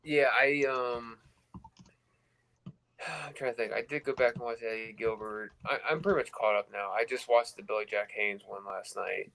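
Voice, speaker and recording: A man co-hosting a podcast, replying in casual chat with hesitant, halting sentences. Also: medium pitch, gravelly, a bit bright, poor audio. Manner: hesitant, halting replies with fillers. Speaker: podcast co-host.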